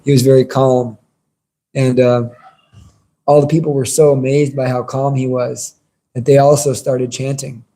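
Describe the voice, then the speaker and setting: A man's voice: mid-range voice, level tone, moderate pace, pauses often, warm tone. A man giving an informal devotional sermon as a religious teacher, conversational and earnest in his delivery.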